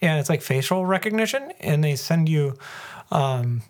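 A man co-hosting a podcast in casual chat, cracking deadpan jokes and teasing his partner. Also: a little high, moderate pace. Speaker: podcast co-host.

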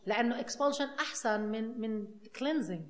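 A woman's voice: fairly high pitch, moderate pace, roomy sound. A woman researcher with a Palestinian Arabic accent explains informally, switching between Arabic and English words and phrases. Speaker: researcher speaking on a panel.

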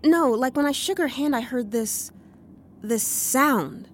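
A woman's voice: high-pitched, slow, a little hiss or hum. An actress playing an earnest young woman who can sense demons, in an audio drama. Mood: puzzled. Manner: earnest, lively and emotional.

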